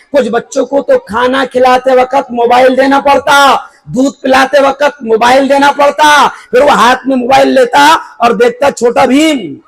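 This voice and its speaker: Middle-aged Indian Urdu cleric preaching to school parents, very high voice, husky, pushes the room with questions and near shouts. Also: male voice, low-quality recording. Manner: emphatic, prods the crowd with rhetorical questions; raises voice to near shouting on key points. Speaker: cleric giving a guest talk at a school function. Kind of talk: lively parenting sermon to an audience. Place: school event hall before an audience.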